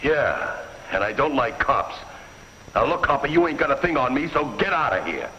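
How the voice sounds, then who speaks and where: An actor playing a surly, hot-tempered gangster with a sneering, slangy manner in a vintage radio drama. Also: male voice, medium pitch, big pitch swings, moderate pace, bright, forceful tone, slight background noise. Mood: menacing. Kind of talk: 1950s radio drama acting. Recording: dull lo-fi vintage radio recording.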